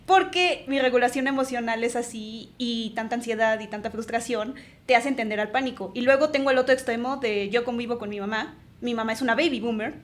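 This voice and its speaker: A woman in her twenties with a Mexican accent, co-hosting a podcast in animated, reflective casual chat. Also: fairly high pitch, fairly quick. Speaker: podcast co-host.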